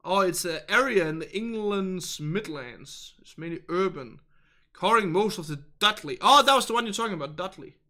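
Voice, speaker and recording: Bright-voiced Danish man chatting on stream. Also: high voice, expressive, moderate pace. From northern Denmark. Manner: chatty and rambling, laughs often, searches for words. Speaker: livestream host reading viewer chat. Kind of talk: casual livestream chat.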